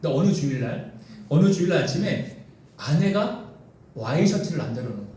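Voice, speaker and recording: A pastor preaching a sermon in a church sanctuary, telling a story to the congregation with lots of animation. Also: male voice, a little high, expressive, a little fast, warm tone. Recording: echoey hall from far off, faint noise.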